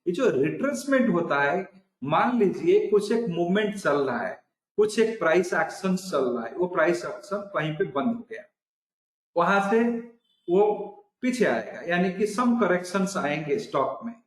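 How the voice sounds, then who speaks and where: A man's voice: high-pitched, sing-song, unhurried, reverberant, poor audio. A man giving a recorded online trading lesson, explaining step by step and often restating his points. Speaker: trading instructor.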